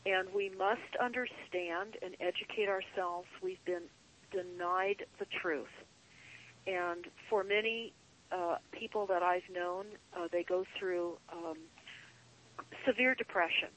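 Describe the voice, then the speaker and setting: A woman guest on a call-in show, speaking in an earnest, deliberate, emphatic way, like a paranoid late-night rant with drawn-out phrases. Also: fairly low pitch, fairly even intonation, a bit bright, a little hiss or hum, poor audio. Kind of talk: earnest conspiracy monologue.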